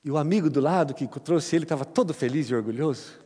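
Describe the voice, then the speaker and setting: A man's voice: fairly high pitch, fast. A man preaching a sermon to his church, telling a story and acting out its voices before reading scripture. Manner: animated storytelling, acts out dialogue. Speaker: pastor. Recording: church hall reverb with music.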